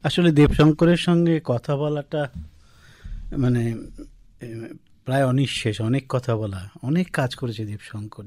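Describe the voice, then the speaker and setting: A man hosting a radio interview in a studio, asking questions in a quick, friendly, affirming way. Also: medium pitch, a little mellow, no room sound.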